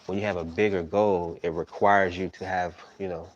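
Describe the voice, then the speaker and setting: A man's voice: low voice, steady tone, moderate pace, highs cut off. A man in his thirties hosting a tarot live stream, rambling casually and tagging his points with "right?". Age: 30s. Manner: rambling, tags sentences with "right?".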